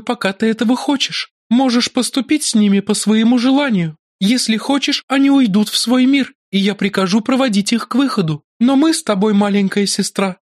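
A man voicing a calm, commanding, goddess-like woman with a measured, ringing way of speaking in an audiobook. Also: extremely high pitch, no room sound, studio quality, pitched above the performer's own voice. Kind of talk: audiobook character voice.

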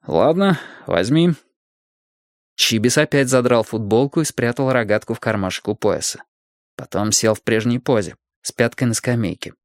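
A man's voice: medium pitch, a little fast, dry recording, clean studio sound. A man reading a story aloud as a narrator, animating each character's lines. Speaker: audiobook narrator. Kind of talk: scripted narration.

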